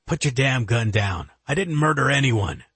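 A weary old agent , voiced by a male narrator, speaks gravely and earnestly in a husky, low-key tone. The voice sits close and dry on the mic. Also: sing-song, moderate pace, fairly bright tone, dry recording, heavily acted. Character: older male retired agent, weary father.

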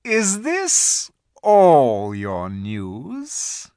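A man's voice: medium pitch, wildly swooping pitch, drawn-out words, a little mellow, no room sound, clean studio sound, voice pushed up, full character voice. A man voicing a cruel witch queen who speaks in a terrible, imperious voice, in a storybook reading. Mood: cold. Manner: imperious, menacing.

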